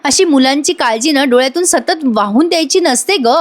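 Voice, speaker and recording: A woman's voice: high voice, animated, moderate pace, pitched above the performer's own voice. Woman doing a kind middle-aged father, soothing and affectionate. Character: fatherly middle-aged man, gentle and joking.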